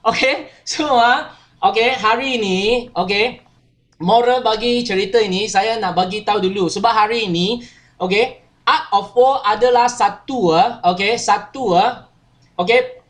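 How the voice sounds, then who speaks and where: A woman's voice: medium pitch, measured pace. A woman leads a workshop, telling a story and often checking in with her listeners. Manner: chatty, asks listeners questions, frequent 'okey' tags. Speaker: workshop trainer. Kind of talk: training talk with storytelling.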